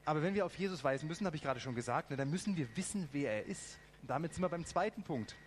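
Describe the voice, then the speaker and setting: A man preaching a lively sermon, asking the congregation direct questions and adding ironic asides. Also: a little high, fast talker, slight background noise.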